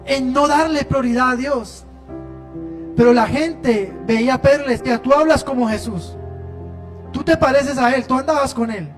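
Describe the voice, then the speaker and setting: Preacher guy, really high voice, goes loud then hushed, music faint behind. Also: normal speed. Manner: impassioned, swings between loud emphasis and hushed lines. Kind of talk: sermon. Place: church service.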